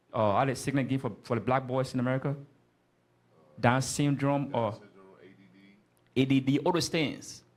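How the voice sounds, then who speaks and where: Man, Bible class teacher, emphatic, repetitive, mid-range pitch. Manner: emphatic, repetitive, prompts the reader often. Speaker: teacher leading a scripture class. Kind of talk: street-corner style Bible class teaching.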